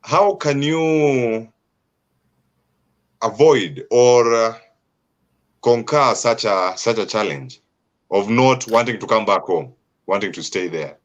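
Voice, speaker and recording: A man with a Kenyan accent hosting an interview, asking long, winding questions with slow, emphatic phrasing. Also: mid-range voice, dull audio. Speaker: host. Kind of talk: interview host.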